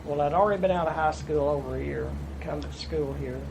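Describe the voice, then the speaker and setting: With a slightly high, creaky voice and a somewhat fast pace, a man in his fifties from East Tennessee tells his life story plainly as a veteran interviewee in an oral history. His folksy telling includes restarts, and the room audio is noisy.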